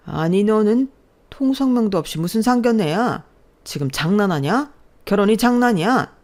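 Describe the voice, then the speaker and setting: A woman voicing a stern, angry middle-aged father who scolds loudly. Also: deep voice, normal speed, lightly acted. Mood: furious. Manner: shouting, scolding.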